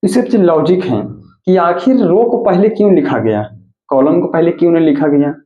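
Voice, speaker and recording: A man's voice: fairly high pitch, normal speed. A male mathematics teacher giving a classroom lecture, who repeats points and asks and answers his own questions. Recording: echoey, tinny phone-like audio.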